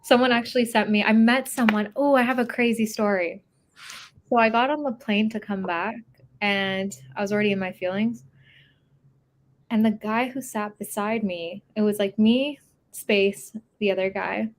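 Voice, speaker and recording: Lively young woman chatting on a podcast. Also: medium pitch, normal speed. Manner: lively storyteller, laughs easily. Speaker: podcast co-host. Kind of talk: casual chat.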